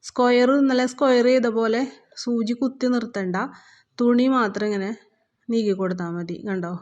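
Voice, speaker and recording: A woman's voice: on the high side, steady tone, moderate pace, darkish tone, lo-fi sound. Woman patiently teaching sewing. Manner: patient, repeats steps, checks in with learners. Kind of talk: step-by-step sewing tutorial.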